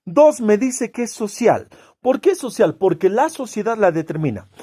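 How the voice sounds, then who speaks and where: A man teaching a classroom lecture, asking rhetorical questions and answering them himself with emphatic, drawn-out stresses on key words. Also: sits high, very animated, mellow, no room sound. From Peru.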